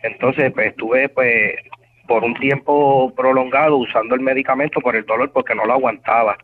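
A man's voice: medium pitch, steady tone, moderate pace, a little hiss or hum. A man with a Puerto Rican accent, calling in with a question, hesitant and full of fillers. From Puerto Rico. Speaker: caller. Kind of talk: call-in question. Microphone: telephone. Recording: tinny phone line.

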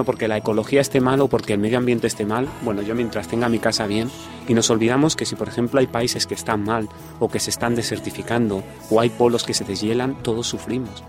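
Man teaching the Bible. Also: medium pitch. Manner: explanatory, quotes scripture, addresses listeners with "fijaros". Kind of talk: Bible study radio talk.

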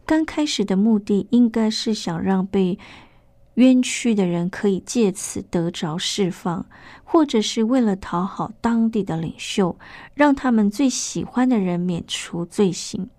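A woman delivers a scripted Bible teaching at an ordinary middle pitch. She speaks in a measured, explanatory way and asks rhetorical questions, close to the mic in a dry, dead room. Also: warm tone, dry recording.

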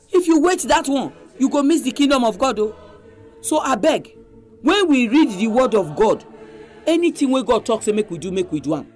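A man from Nigeria with a Nigerian Pidgin accent, hosting a religious programme and exhorting listeners in an emphatic, conversational preaching style. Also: very high-pitched. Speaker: religious radio programme host.

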